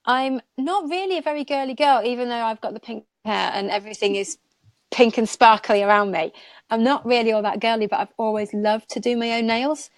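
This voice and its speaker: A chatty nail technician with a fairly high voice tells her story in a loose, rambling way, laughing often as if in a casual live chat. The recording is dry and close, with almost no room sound.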